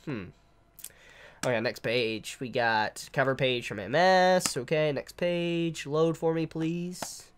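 Slowly and with fairly even intonation, a man in his twenties reviews a manga chapter to camera, congested from the flu and stammering as he sounds out made-up words amid his rambling. His voice is fairly high, there's slight background noise, and he's indoors in a living room with a couch.

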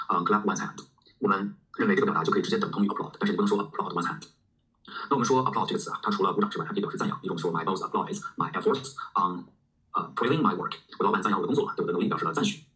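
A man's voice: deep voice, pushed and bright. A man teaching English vocabulary in a recorded lesson, explaining words and spelling them out letter by letter.

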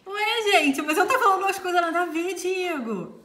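Vlogger, woman, 20s, bright tone, giggles through her chat. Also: very high-pitched, moderate pace. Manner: giggly, laughs often, animated. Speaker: bride and vlogger. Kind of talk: casual vlog chat.

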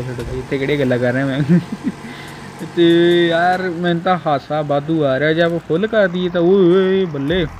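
A man's voice: on the high side, slight background noise. A young man gives casual, bantering gameplay commentary, exclaiming and repeating short phrases. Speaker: gaming video creator. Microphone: voice-over recorded over gameplay. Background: music.

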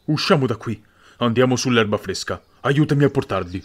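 A man voicing a jolly, commanding forest spirit in an audiobook reading, chanting in a loud, clear, authoritative voice. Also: medium pitch, animated, a little fast, close to an everyday voice. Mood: urgent.

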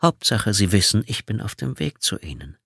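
A man's voice: lowish voice, sing-song, creaky, fairly bright tone, husky, no room sound, studio quality, full character voice. A man reading an audiobook, voicing a menacing male killer who taunts his victim over the phone. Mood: taunting. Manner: taunting, slow and sneering.

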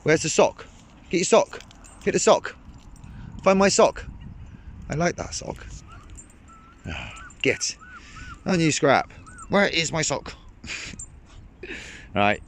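A young man vlogging his fishing trip outdoors beside a ditch, talking excitedly and rambling to a camera set on the bank. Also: fairly high pitch, slow, pauses often. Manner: excitable, rambling, lots of fillers. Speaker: angling vlogger. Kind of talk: casual chat to camera.

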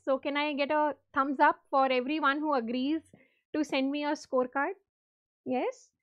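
Female lecturer, North Indian accent, high voice, instructive and repetitive as she leads a live quiz; muffled lo-fi recording. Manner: instructive, repeats points, checks in with students. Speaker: medical exam teacher hosting a live quiz. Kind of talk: interactive online lecture mixing English and Hindi.

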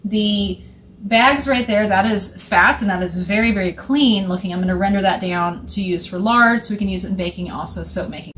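Woman, 30s, homestead vlogger, casual step-by-step explainer, mid pitch, faint room hum. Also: moderate pace, a bit bright. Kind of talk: casual show-and-tell. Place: small indoor utility room.

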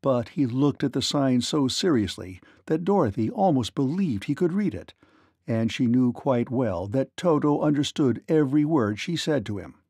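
A man narrating a children's read-along storybook in an expressive, lilting manner. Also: medium pitch, moderate pace, breathy edge, no echo, clean studio sound.

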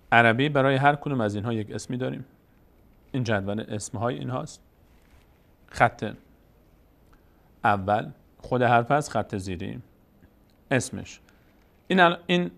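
A man teaching a beginner's lesson on reading letters, slow and patient, explaining step by step. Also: medium pitch, creaky.

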